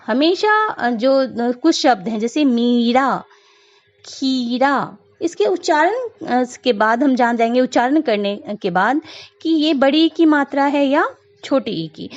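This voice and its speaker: A woman's voice: high-pitched, darkish tone. A woman teaching Hindi grammar, explaining patiently and repeating points with small hesitant fillers. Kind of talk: slow explanatory lesson. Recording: dull lo-fi recording.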